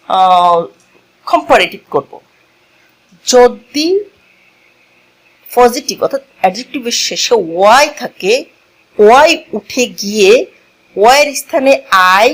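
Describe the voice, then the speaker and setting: Slow-speaking woman teaching grammar. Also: a little high, rough recording. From Bangladesh. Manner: explains slowly, asks and answers her own questions; mixes English terms into her explanation. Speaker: English teacher. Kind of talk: classroom grammar lesson.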